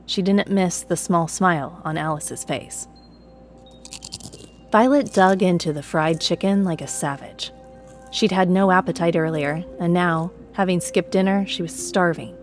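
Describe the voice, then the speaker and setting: A woman with a fairly low voice reads a scripted audio drama in a steady, even storytelling manner. Soft music sits faintly underneath her narration. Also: measured pace.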